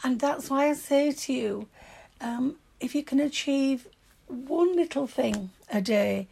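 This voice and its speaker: An older woman speaks with a broad Yorkshire accent in a fairly high voice. It is husky, with a creaky edge. She chats casually and gives her views in a plain, emphatic manner. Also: slow pace, warm tone, rough recording. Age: older, grandmother. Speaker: interview guest. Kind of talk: casual chat.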